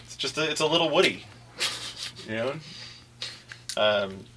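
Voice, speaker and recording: A man's voice: medium pitch, expressive, unhurried, background noise. A man hosting a casual behind-the-scenes podcast chat, rambling and wry as he lays out plans for the show. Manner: rambling, wry, self-interrupting. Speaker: podcast host planning the show.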